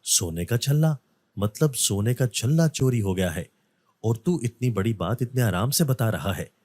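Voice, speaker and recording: A man's voice: lowish voice, expressive, moderate pace, dark tone. A man doing a suspicious older uncle. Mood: probing. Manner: questioning, probing.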